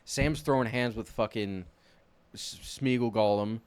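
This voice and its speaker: A man's voice: lowish voice, unhurried, clear, resonant tone. A man co-hosting a casual chat, swearing constantly as he retells a story and acts out scenes in silly voices. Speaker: podcast co-host.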